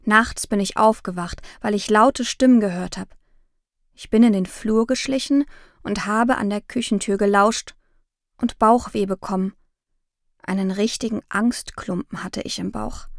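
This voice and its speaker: Calm woman narrating a children's audiobook. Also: medium pitch, dry recording, clean studio sound. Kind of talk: scripted first-person narration for children.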